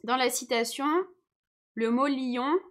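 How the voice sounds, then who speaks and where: A woman's voice: sits high, steady tone, takes it slowly. A young woman teacher giving a live online lesson, explaining patiently and often checking that her viewers follow.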